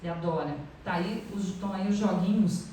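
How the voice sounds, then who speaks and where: A woman's voice: fairly low pitch, fairly quick, warm tone, slight background noise. Chatty Brazilian woman lecturing in echoey hall. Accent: Brazilian Portuguese. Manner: chatty, asks the audience often. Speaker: spiritist lecturer. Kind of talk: spiritual lecture. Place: lecture hall of a spiritist center. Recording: echoey hall, mic far off.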